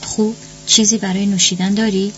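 A woman's voice: medium pitch, level tone, soft background music, lightly acted. A woman voicing a brash, scornful ghost of a dead ex-wife in an audiobook. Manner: scornful, blunt, demanding. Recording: dull lo-fi audio.

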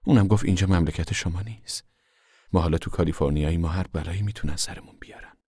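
A man voicing a weary, worried older mother in an audiobook, speaking softly and sometimes near a whisper. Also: deep voice, husky, no room sound, clean studio sound. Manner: soft and subdued, drops to a near whisper. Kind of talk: audiobook character voice.

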